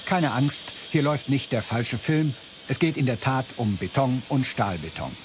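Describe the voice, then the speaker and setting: A man delivering clear, measured scripted narration for a documentary. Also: mid-range voice, expressive, noisy background.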